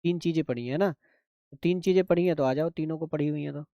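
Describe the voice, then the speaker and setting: A man teaches shorthand in a live online class. His voice sits a little high for a man, and the recording is dry and close, with no room sound. He takes each step slowly and keeps checking that the class has followed. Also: warm tone, dry recording. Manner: patient, repeats steps, checks if students understand.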